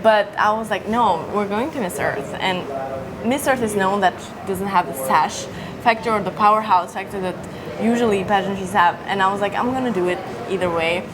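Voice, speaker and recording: A young woman from Albania, a pageant contestant, talking fast and earnestly in a casual interview. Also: medium pitch. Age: young adult. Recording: noisy crowd around. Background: crowd chatter.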